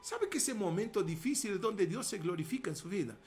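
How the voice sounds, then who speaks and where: A man preaching a sermon with emphasis, swinging between hushed asides and loud declarations and calling the congregation to repeat after him. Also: high-pitched, lively intonation, a little fast, soft background music. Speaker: pastor.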